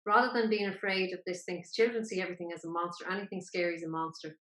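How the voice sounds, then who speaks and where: A woman's voice: fairly low pitch, steady tone, very fast, fairly bright tone. Echoey Irish woman hosting an interview. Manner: wordy, rephrasing and repeating points. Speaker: podcast interviewer. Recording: echoey, roomy sound.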